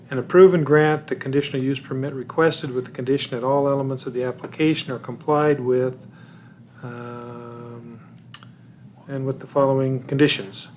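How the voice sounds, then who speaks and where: A man on a city council, deliberately reading out a formal motion full of legal wording. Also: medium pitch, a little mellow, slight background noise.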